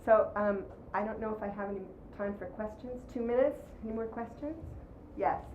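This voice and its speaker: A woman's voice: medium pitch, fairly quick. A woman giving a workshop talk to an audience, taking questions and acting out scenes as she tells them. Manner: animated storyteller, acts out quoted voices. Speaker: workshop presenter. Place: room with audience. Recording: roomy, dull lo-fi sound with faint noise.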